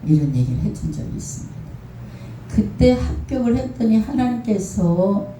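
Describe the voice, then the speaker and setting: A woman's voice: mid-range voice, sing-song, normal speed, dark tone. An older woman pastor giving a testimony sermon, telling her story emphatically and checking in with listeners again and again. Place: prayer house worship hall. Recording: roomy hall, distant mic, faint hiss.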